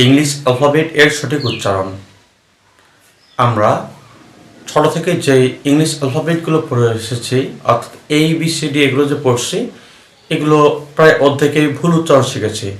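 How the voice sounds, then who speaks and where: A man with a Bengali accent teaches English letter sounds in a patient classroom manner. He repeats each sound slowly and explains where the lips and tongue go. His mid-pitched voice rings in an echoey room. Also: a bit bright. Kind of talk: classroom-style lesson.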